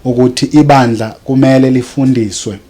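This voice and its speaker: A man's voice: mid-range voice, steady tone, normal speed, warm tone. A man with a South African accent and native Zulu, preaching and reading scripture to introduce a lesson.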